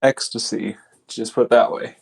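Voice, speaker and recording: A man with a gravelly, creaky edge to his voice, chatting as an interview guest. His delivery is laid-back and blunt, and he swears without much thought. His pitch sits right in the middle. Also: steady tone, moderate pace, a little mellow. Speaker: guest, battle rapper. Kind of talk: casual interview chat.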